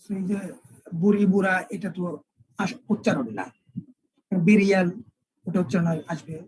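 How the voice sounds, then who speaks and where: A male English teacher, lecturing an online class and spelling words out slowly with repeated examples. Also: high-pitched, dark tone, husky, no echo, poor audio.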